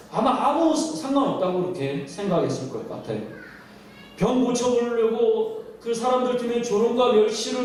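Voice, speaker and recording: Man, pastor, emotive sermon, rhetorical questions, high voice, distant mic, booming church echo. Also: a little mellow, slight background noise. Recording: echoey hall from far off.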